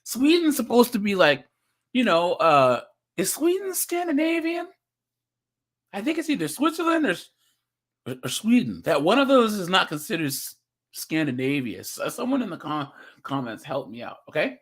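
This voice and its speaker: A man's voice: high voice, huge pitch swings, moderate pace. A young man giving casual reaction commentary as a streamer, chatty, laughing often and restarting his words as he reads.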